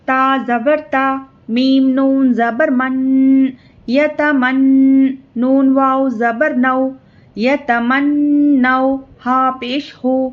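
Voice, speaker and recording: A woman teaching Quran reading, spelling syllables slowly and drawn out, with quick explanations of the rules in between. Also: high voice, level tone, phone-quality sound. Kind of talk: slow letter-by-letter spelling lesson.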